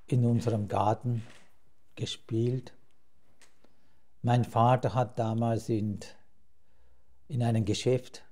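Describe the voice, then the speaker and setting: A man in his seventies from Sri Lanka, a Buddhist monk with a Sri Lankan accent, telling his life story in a slow, halting way with many restarts. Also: medium pitch, mellow. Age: 70s. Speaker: Buddhist monk, interview guest. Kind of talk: reflective life-story interview. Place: temple hall with a Buddha shrine and plants.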